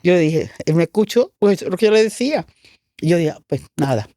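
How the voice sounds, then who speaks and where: A woman's voice: on the low side, lively intonation, fast talker, warm tone, no echo, clean studio sound. A woman pastor giving her testimony in an interview, telling her story with feeling and acting out the dialogue she quotes.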